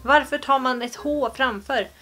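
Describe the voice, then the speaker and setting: A woman's voice: high voice, sharp tone, faint music behind. A young Swedish woman vlogging to camera in a playful, joking way, with exaggerated pronunciations. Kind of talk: casual vlog to camera.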